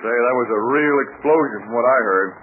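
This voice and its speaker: An actor playing a wisecracking American adventurer and leader in a 1940s radio serial, slangy and breezy, with an American accent. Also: male voice, mid-range voice, brisk, natural voice. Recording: tinny, noisy 1940s radio recording.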